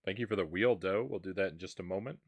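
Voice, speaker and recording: A man's voice: low voice, fast talker, husky. A man hosting a live stream, chatting casually with viewers and sighing as he eats spicy snacks. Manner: chatty, sighs and reacts while eating spicy seeds.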